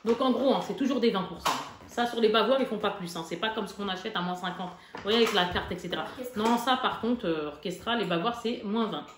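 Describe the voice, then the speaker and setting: A woman in her thirties, a mother, chatting casually and warmly to her viewers with lots of fillers while showing off her shopping. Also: mid-range voice, fast talker, hardly any pauses. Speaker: vlogger, mother. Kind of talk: casual haul vlog chat. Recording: echoey room with background noise.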